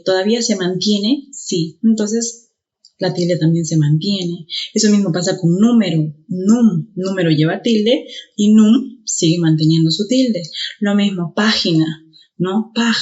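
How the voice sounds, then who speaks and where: A woman teacher walks her students through a grammar lesson. Her voice sits at a middle pitch. She checks in often with short tag questions, and the recording sounds somewhat muffled and low-fi. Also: darkish tone. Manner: explains step by step, checks in with frequent tag questions. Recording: dull lo-fi recording.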